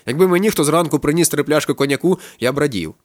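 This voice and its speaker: A man's voice: fairly high pitch, animated, fast talker, no room sound, studio quality, lightly acted. A man reading an audiobook voices a boozy, fretful male friend who drawls and muses. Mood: musing.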